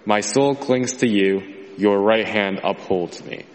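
A man reading scripture slowly and solemnly in a large church, his voice carried by a cathedral echo from far off. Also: on the low side. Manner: slow, measured and solemn. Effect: cathedral echo, heard from far off. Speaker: scripture reader. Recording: far-off voice in a long-reverb church hall.

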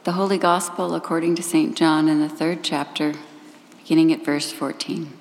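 A woman giving a measured, formal gospel reading in a church service, heard with a cathedral echo. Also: deep voice, fairly even intonation. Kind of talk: liturgical scripture reading. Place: large church sanctuary. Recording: echoey church hall with long reverb and faint ambience.

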